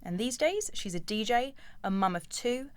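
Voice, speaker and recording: A woman's voice: on the high side, expressive, moderate pace, smooth, no room sound. A woman co-hosting a podcast interview, chatty and speculative, giving blunt opinions. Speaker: podcast co-host. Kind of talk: casual interview chat.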